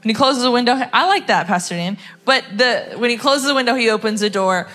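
A woman's voice: on the high side, lively intonation, a little fast, a bit bright. A young adult woman and singer sharing a personal testimony in church in a chatty, conversational way with lots of fillers.

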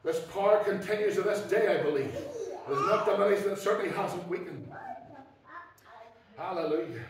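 A Northern Irish man, a pastor preaching an impassioned sermon that swings from soft asides to shouted exclamations. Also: high-pitched, moderate pace, pauses often, very noisy. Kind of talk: fiery Pentecostal sermon. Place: church hall. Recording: very echoey hall from far off.

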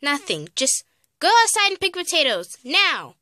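A woman's voice: on the high side, very animated, normal speed, bright, forceful tone, dry recording. A woman voicing a strict, secretive mother who turns scolding and commanding. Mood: stern.

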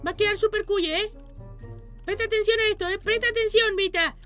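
A performer voicing an excitable baby boy gamer playing Minecraft, in a squeaky sped-up voice. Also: brisk, faint music behind. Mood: bossy. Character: chirpy baby boy gamer, bossy and jumpy. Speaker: channel host. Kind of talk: Minecraft let's play.

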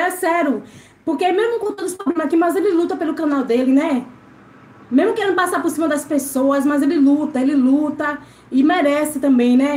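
A woman's voice: high-pitched, darkish tone. A woman from Brazil hosting a casual live stream from home, chatting with viewers and greeting them by name while she cleans. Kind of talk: casual live-stream chat reading comments. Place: home service area. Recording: echoey room with faint noise.

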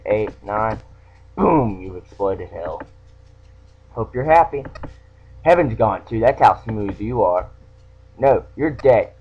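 A man casually playing a game and reading its text aloud in a playful, teasing way. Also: medium pitch. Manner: playful, teasing read-aloud with mock-sinister touches. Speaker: let's play gamer. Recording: dull lo-fi home recording.

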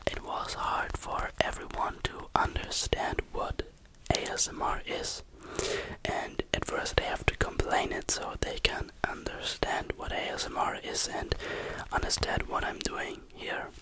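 Whispering in English right up against the mic, an ASMR creator answers questions haltingly, searching for the right words.

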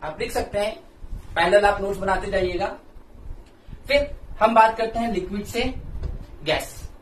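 A male teacher with an Indian English accent giving a classroom lecture, explaining slowly and repeating key terms for notes. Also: sits high, reverberant, distant mic, rough recording.

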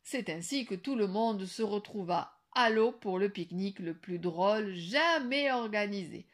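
A woman teacher reading a children's picture book aloud with expressive, animated storytelling. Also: medium pitch, measured pace.

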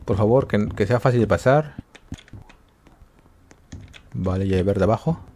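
A man giving excited commentary on a horror game, yelping and repeating words when scared. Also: lowish voice, a little slow, a little hiss or hum. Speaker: gaming YouTuber.

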